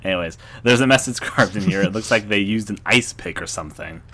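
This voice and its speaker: A man's voice: on the low side, fairly quick, pushed and bright. A man giving laid-back, jokey commentary while playing a horror game. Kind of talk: casual gameplay commentary.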